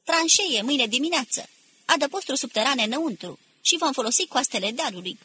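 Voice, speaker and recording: A woman reading aloud, voicing a male militia commander who shouts slow, forceful orders to exhausted troops. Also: high voice, lively intonation, a little hiss or hum, pitched above the performer's own voice. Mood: rousing, commanding.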